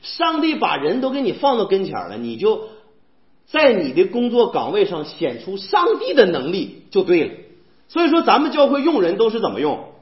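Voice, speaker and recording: Animated high-voiced preacher. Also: male voice, normal speed. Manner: animated, asks the congregation rhetorical questions. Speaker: church preacher. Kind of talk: sermon. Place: church hall. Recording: echoey, dull church hall recording.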